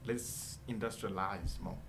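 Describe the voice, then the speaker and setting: Earnest young man, low voice. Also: fairly even intonation, a little slow, creaky, background noise. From Zimbabwe. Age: 20s. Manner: earnest, emphatic, often checks in with "all right?". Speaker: guest entrepreneur. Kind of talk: radio studio interview. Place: radio studio.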